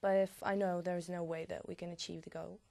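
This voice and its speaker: Young woman, doing a speaking test, casual and fluent, a bit gravelly. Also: fairly low pitch, flat delivery, fast, dark tone. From Latvia. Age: young adult. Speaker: exam candidate. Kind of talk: speaking exam answers.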